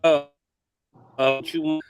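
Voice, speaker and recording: A man from the Bay Area calling in over a video call from outdoors at night, his audio breaking up and cutting out as he talks in a laid-back, halting way. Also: fairly high pitch, flat delivery. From San Francisco Bay Area. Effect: choppy call audio, breaking up and cutting out. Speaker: caller joining a fan show live. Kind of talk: casual chat.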